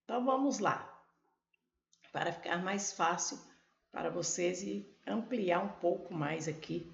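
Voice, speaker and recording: A Brazilian woman with a fairly low, gravelly voice teaches a Portuguese grammar lesson for exam prep, speaking straight to her viewers. She explains slowly, step by step; the recording is echoey with the highs cut off.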